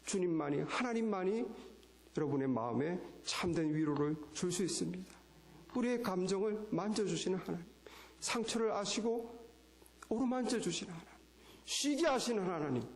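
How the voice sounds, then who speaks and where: A man preaching a sermon as pastor, asking rhetorical questions and acting out quoted lines. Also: high voice. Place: church sanctuary. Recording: echoey church hall.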